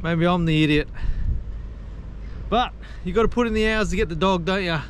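A man's voice: high-pitched, moderate pace. A man chatting to viewers while fishing from a rock wall by the sea. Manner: chatty, upbeat, talks to viewers as guys and homies. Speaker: fishing vlogger. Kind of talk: casual narration to camera while fishing. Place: outdoors on a rock breakwall by the sea. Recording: outdoor wind noise on the mic. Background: wind and water noise.

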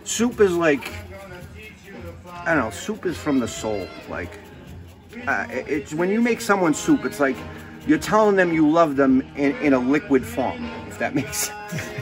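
A man's voice: fairly high pitch, sing-song, a little slow, over music, rough recording. A man hosting a casual cooking show, rambling and joking as he cooks, swearing freely and drifting off into stories. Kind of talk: casual cooking demonstration chat.

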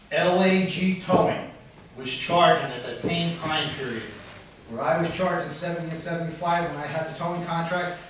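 Recorded from far back in a big, wood-paneled council chamber, a middle-aged man speaking at the podium mic grows heated and accusatory, nearly shouting during public comment. His voice is fairly high. The sound is distant and very echoey, with faint noise.

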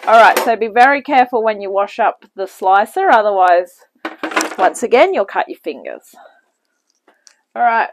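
The audio is rough, with a little hiss or hum, as a camera in a home kitchen picks up a cooking host off-screen at the bench. Her medium-pitched voice chats casually through the demonstration, drifting into rambling asides.

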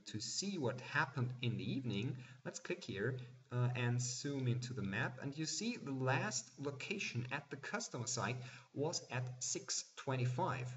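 A young man at his desk walking through a software demo in a plain, explanatory way, with small fillers and restarts. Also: medium pitch. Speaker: software presenter. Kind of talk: screen-recorded software demo. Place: indoors at a desk. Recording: slightly dull, lo-fi sound.

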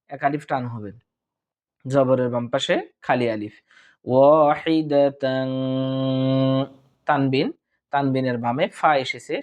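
A man's voice: mid-range voice, muffled recording. A man teaching Quran recitation rules, breaking words into syllables and then chanting the verses drawn out. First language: Bengali. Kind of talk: slow tajweed lesson, spelling out and reciting verses.

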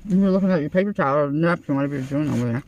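A woman's voice: deep voice, rapid-fire, darkish tone, slight background noise, low-quality recording. Older woman chatting while chewing. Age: 60s. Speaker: vlog host. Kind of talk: casual chat over a meal. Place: inside a parked car at night.

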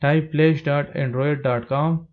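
A man with a slightly raised pitch gives calm, step-by-step instructions in a plain, steady tone. His voice-over is recorded with a dull, lo-fi sound. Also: slow pace. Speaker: tech tutorial narrator. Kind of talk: scripted step-by-step narration.

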